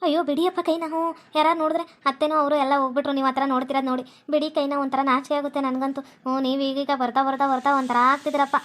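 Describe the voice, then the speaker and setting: A bashful young wife in a cartoon, blushing and pleading, voiced by a woman. She has a high, steady voice and talks quickly, with a North Karnataka Kannada accent. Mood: shy. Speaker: channel narrator. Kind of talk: cartoon voice acting and narration.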